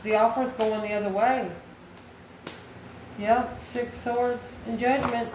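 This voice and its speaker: Her fairly high, steady voice moves slowly as she delivers a tarot reading to viewers, warm and folksy, repeating herself for emphasis and addressing them as honey and baby. She hosts the channel from an echoey room with clear background noise.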